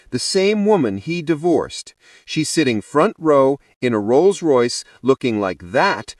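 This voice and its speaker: A male narrator reading a dramatic story aloud. His pitch moves in a lively way, and the recording is dry and close. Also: no echo.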